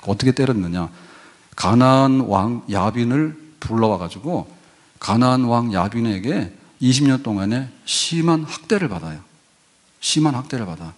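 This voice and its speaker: A man's voice: mid-range voice, animated, moderate pace. An older man preaching a sermon as pastor in a church, folksy and conversational, rising to emphatic peaks. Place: church sanctuary.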